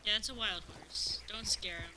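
A woman's voice: medium pitch, moderate pace. A young woman streaming a game, chatting casually, swearing and talking to her horse. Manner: laid-back, swears, talks to her horse. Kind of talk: casual gaming chat. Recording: noisy stream audio.

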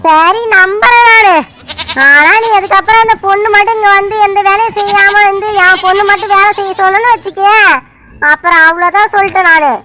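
Casting: woman playing a firm middle-aged mother in a village cartoon, very high, bright voice. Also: steady tone, a little fast. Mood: warning. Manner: warning, firm.

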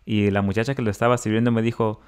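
Male podcast co-host, lowish voice, chatty storyteller who acts out the people he quotes. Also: flat delivery, fast talker, darkish tone, clear, resonant tone. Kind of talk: casual chat.

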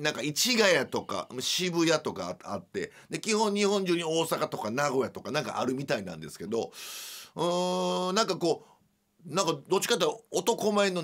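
A middle-aged man with a Kansai accent hosts a radio show and tells a story about himself. He talks in a chatty, animated, self-mocking way. His voice sits a little higher than most men's. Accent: Kansai Japanese. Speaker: radio host. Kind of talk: casual storytelling monologue.

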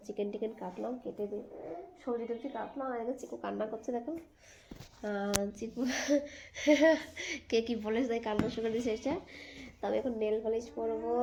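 A young woman with a hoarse, cracking voice, chatting casually and rambling as she narrates her home vlog. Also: on the high side, dark tone, slight background noise. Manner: chatty, rambling, many fillers. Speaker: vlogger. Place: voice-over recorded later at home.

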